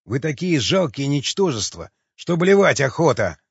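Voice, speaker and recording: A man's voice: medium pitch, animated, moderate pace, breathy edge, dry recording. Man reading as a sneery cannibal merc, menacing and sarcastic, muffled lo-fi sound. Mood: menacing mocking. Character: mocking, cold-blooded male cannibal mercenary. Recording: dull lo-fi sound.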